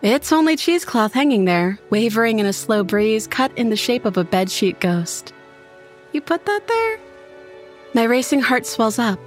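A woman reading a first-person horror story in an intimate, expressive way. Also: a little high, normal speed, hardly any pauses, faint music behind. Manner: intimate, expressive, voices her own character's lines. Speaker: narrator.

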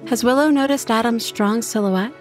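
A woman reading a first-person horror story in an intimate, expressive way. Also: fairly high pitch, moderate pace, faint music behind. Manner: intimate, expressive, voices her own character's lines. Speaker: narrator.

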